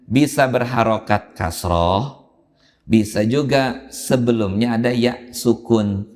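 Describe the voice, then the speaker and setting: A man teaching Quran reading in a mosque, explaining patiently and chanting drawn-out examples. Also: mid-range voice, darkish tone. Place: mosque hall. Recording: long hall reverb in a mosque.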